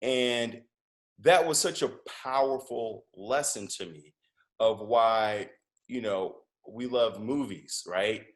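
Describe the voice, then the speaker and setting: A man who is a comedian and podcast host, telling stories as a guest in a conversational interview, animated, with lots of fillers and restarts. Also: on the low side, takes it slowly.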